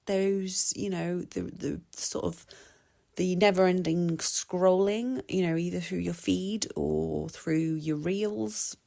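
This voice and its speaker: A woman in her thirties from England, speaking with an English accent, hosts her own podcast in a casual solo monologue that rambles along chattily with many restarts and laughs. Her voice is lowish, creaky and mellow, with fairly even intonation, and she takes it slowly. She sounds a little congested from an oncoming cold.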